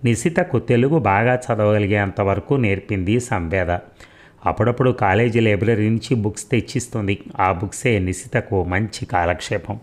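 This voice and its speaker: A man narrating an audiobook story in a measured, reflective way. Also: fairly low pitch.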